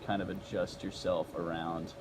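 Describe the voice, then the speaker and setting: A man's voice: low-pitched, flat delivery, moderate pace, noisy background. A young man in his twenties hosting a casual student interview, asking questions with many fillers and restarts.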